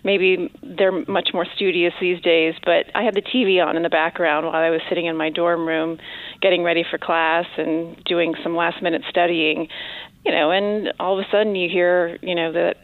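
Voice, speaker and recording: A woman in her fifties, a TV news anchor, telling her story in an interview at a thoughtful pace with frequent pauses. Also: lowish voice, no echo. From born in the Philippines, raised in many countries. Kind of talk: casual interview conversation. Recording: tinny phone line, dry.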